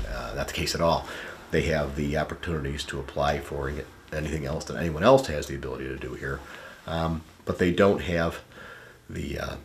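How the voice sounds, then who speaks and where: Very deep-voiced earnest man. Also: slight background noise. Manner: earnest, steady delivery with some restarts. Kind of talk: documentary interview.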